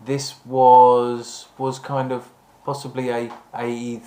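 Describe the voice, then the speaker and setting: A man's voice: medium pitch, monotone, takes it slowly, dark tone, slight background noise. A man hosting a casual, rambling, jokey chat about vintage events. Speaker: host. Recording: roomy, echoing room sound.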